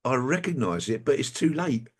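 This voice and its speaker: A man, a guest in a conversational interview, telling wry anecdotes in a halting way over a remote call. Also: medium pitch, very animated.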